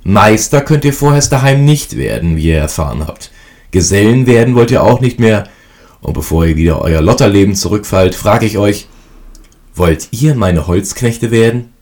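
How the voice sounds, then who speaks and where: A man reading a storybook and voicing a stern but kindly old official who speaks in a formal, measured way. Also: lowish voice, expressive, a little mellow, voice pushed up.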